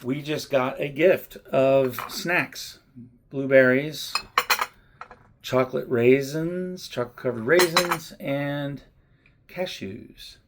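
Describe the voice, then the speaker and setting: A man's voice: mid-range voice, slow pace, noisy background. A man chats casually as a vlog host, in a mid-range voice. He is reflective and conversational, often repeating a word or two while he gathers his thought.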